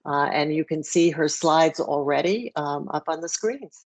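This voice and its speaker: Woman session chair, very low pitch, hesitant with fillers, video call audio. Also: unhurried. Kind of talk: online conference moderating.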